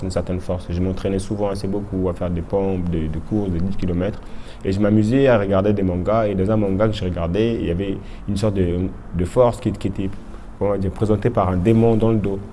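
A man's voice: lowish voice, mellow, slight background noise. A young man from Congo telling his personal testimony in an informal way, often restarting his sentences.

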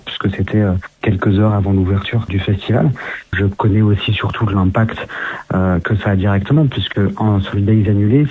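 A man from France, a guest in an interview, answering quickly and earnestly with many restarts, heard down a phone line. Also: on the low side, husky. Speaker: guest, social media activist.

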